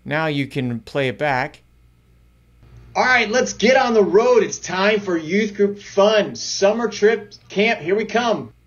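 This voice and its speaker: Man, middle-aged, fairly high voice, chatty upbeat tutorial, close mic in a small room. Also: animated, takes it slowly, highs cut off. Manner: upbeat, chatty, varying pace. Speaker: youth ministry podcast host. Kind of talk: casual tutorial vlog. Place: small home studio room. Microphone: close studio mic in front.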